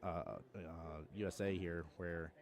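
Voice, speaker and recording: A man's voice: low-pitched, steady tone, slow, background noise. A young man from Georgia with a Southern accent, commentating a pool tournament on a live stream and chatting with viewers in a joking, laid-back way. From Georgia, USA. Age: young adult.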